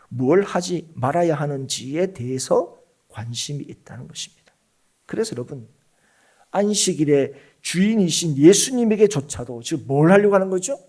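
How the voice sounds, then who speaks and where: A middle-aged pastor delivers a Sunday sermon with a lively, rising and falling delivery, his voice a touch husky. He presses the congregation with rhetorical questions, climbing high and loud on key phrases before dropping almost to a whisper. The pitch sits somewhat high for a man. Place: church sanctuary.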